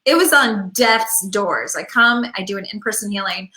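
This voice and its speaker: A woman's voice: medium pitch, lively intonation, moderate pace, sharp tone. A woman hosting a show as a pet healer, chatting casually to viewers and rambling through stories with quoted asides. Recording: echoey room.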